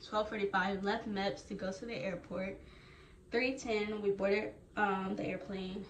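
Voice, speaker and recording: A young woman vlogger casually retelling her experience in a chatty, animated way. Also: mid-range voice, measured pace. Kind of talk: casual storytelling. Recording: roomy, distant, faint noise.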